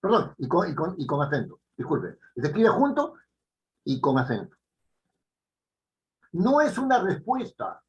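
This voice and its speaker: A man's voice: a little high, big pitch swings, measured pace, long pauses, dull audio. A man with a Peruvian Spanish accent teaching a writing class, emphatic and full of tag questions. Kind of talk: online writing lesson.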